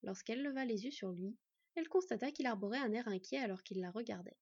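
A woman calmly narrating a storybook in a measured reading voice. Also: a little high, breathy edge, no echo. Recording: dull lo-fi dry recording.

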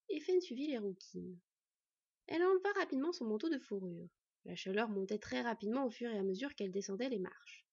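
Husky woman narrating a fantasy story. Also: fairly high pitch, a little mellow. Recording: dull lo-fi recording.

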